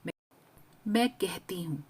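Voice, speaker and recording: A woman narrating a story in first person as a young girl, with an expressive reading. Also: lowish voice, slow, breathy edge.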